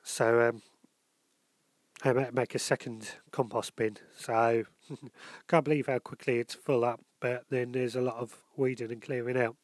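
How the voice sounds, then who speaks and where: Flat and unhurried, the man's medium-pitched voice carries the bunged-up sound of a cold as he hosts his casual solo podcast, drifting along with ums and self-corrections. The recording is dry.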